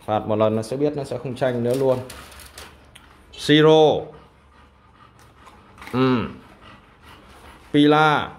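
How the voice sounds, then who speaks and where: A man's voice: mid-range voice, fairly even intonation, fairly quick, hardly any pauses, a little mellow. A man chatting casually to his pet dogs and to viewers, coaxing them and calling out short commands, recorded on a handheld phone in a room at home. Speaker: dog owner and vlogger. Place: indoor tiled room at home. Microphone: handheld phone behind the camera. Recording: home phone recording with clear background noise.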